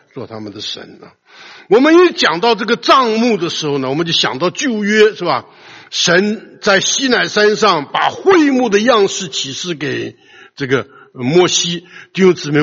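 An older man preaching a sermon in a loud, emphatic voice. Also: sits high, vocal fry, breathy edge. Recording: long hall reverb, dull lo-fi sound.

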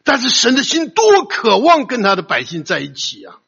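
Loud older man preaching a sermon. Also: very high-pitched, wildly swooping pitch, moderate pace, vocal fry, husky. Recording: long hall reverb, dull lo-fi sound.

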